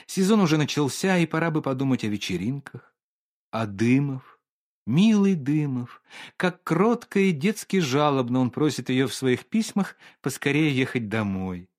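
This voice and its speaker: A man reading a classic story aloud as the narrator, in a theatrical style. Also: mid-range voice. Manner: theatrical, expressive. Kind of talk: expressive literary audiobook reading.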